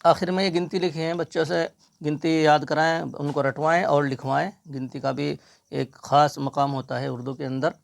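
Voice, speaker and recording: A man's voice: fairly high pitch, steady tone, moderate pace, gravelly. A middle-aged man teaching a reading primer, sounding out words letter by letter. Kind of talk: spelling-out reading lesson.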